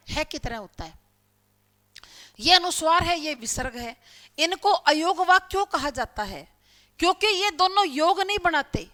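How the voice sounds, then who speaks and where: A woman teacher delivers a lecture with a high voice. Her tone is bright and clear. She explains each point step by step, often posing a question and then answering it herself. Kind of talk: classroom lecture.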